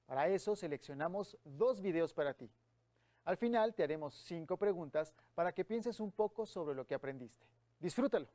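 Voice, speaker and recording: Calm male educational announcer. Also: a little high, normal speed. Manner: calm, instructive, addresses the child directly. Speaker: program announcer. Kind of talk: scripted educational voice-over.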